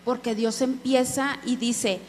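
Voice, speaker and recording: A woman's voice: a little high, steady tone, slow. A woman preacher giving an earnest sermon testimony, speaking directly to her listeners as brothers. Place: church hall. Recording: echoey hall with faint hum.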